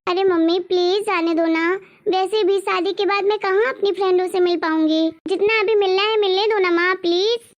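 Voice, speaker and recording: A woman's voice: extremely high pitch, fairly even intonation, normal speed, lo-fi sound. A woman voicing a rebellious young daughter in a cartoon story, pleading and whiny.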